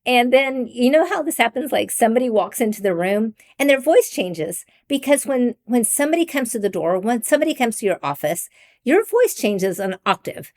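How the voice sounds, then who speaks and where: A woman's voice: on the high side, big pitch swings, normal speed. Earnest woman podcast host, faith coaching. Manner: earnest, with frequent ums and soft laughs; mimics raised greeting voices. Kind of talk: candid solo podcast talk.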